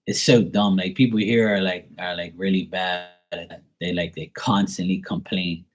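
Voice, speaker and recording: A man's voice: sits low, fairly even intonation, moderate pace. A man from Bermuda with a Bermudian accent, talking in a blunt, profane, ranting way on a casual livestream. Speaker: livestream host.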